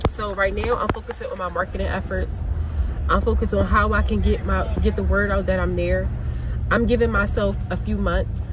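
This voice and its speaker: A woman vlogging casually about her new nail salon, candid and rambling, from Pennsylvania. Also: mid-range voice. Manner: candid, rambling, uses y'all and like a lot. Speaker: nail tech and salon owner. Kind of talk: casual vlog chat. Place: in a car. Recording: car and street noise behind.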